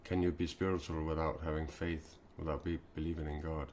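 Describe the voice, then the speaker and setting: A Danish man in his forties hosting a spiritual live stream, talking haltingly with many fillers and restarts. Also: extremely low pitch, level tone, darkish tone, slight background noise. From Denmark.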